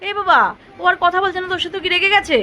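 A woman's voice: extremely high pitch, level tone, fast talker, bright, forceful tone, a little hiss or hum. A mother at home filming her small child, talking to him playfully with lots of exclamations and fond scolding. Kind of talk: casual home video chat with a child. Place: at home, indoors.

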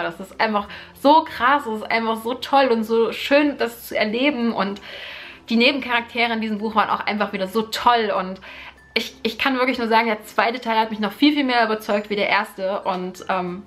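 A book vlogger, young and from Germany, discusses a book series with casual enthusiasm, her voice medium-pitched and a touch bright. She sits near the camera before a sofa in her living room, leaning on fillers and repeating words frequently.

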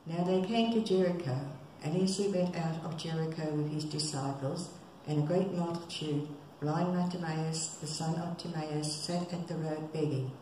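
A woman reading a Bible passage aloud in a steady, measured way. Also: low-pitched. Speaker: scripture reader. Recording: very echoey room, faint hiss.

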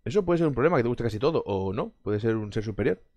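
A man's voice: medium pitch, animated, fast talker, a little mellow, dry recording, dull audio. A man from Spain is chatting on a live stream, reading and answering his chat. He is sarcastic and jokey, laughs a lot and swears freely. His voice swings up and down, and the close mic sounds dry with no room around it.

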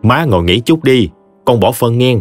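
A man doing a scheming smooth-talking son-in-law. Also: medium pitch, lively intonation, moderate pace, close to an everyday voice. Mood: coaxing. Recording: dry voice with faint music.

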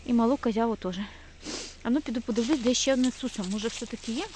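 A woman rescuing a stray dog and puppies, narrating quickly and nervously while filming on her phone outdoors by a forest, slipping into high baby talk with the dogs. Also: warm tone, a little hiss or hum. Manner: talks fast when nervous. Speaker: animal rescue volunteer. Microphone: phone camera held while filming.

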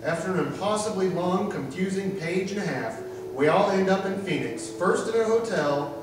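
Goofy high-pitched male narrator, very echoey. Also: animated, moderate pace, background noise. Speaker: narrator of puppet show. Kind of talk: comic parody narration. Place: small stage, camera far off. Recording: far, very echoey room, music behind.

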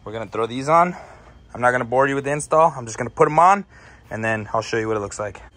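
A man's voice: mid-range voice, fast talker. Laid-back young man vlogging outdoors. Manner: relaxed, chatty, addresses viewers as "boys". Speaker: car vlogger. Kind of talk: casual vlog chat. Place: outdoors by a car in hot weather. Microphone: handheld camera.

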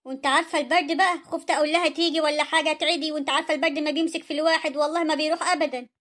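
A woman voicing a poor, gentle older mother-in-law in an Egyptian cartoon story, pleading and self-effacing, with an Egyptian accent. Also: high voice, steady tone, very fast.

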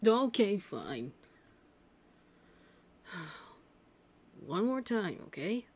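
A woman voicing a shy, flustered young male cartoon hedgehog hero in love, husky and hesitant, in an intimate ASMR roleplay. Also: mid-range voice, very animated, extremely slow, a little mellow, heavily acted. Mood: nervous, bashful. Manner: hesitant, stammering, bashful.

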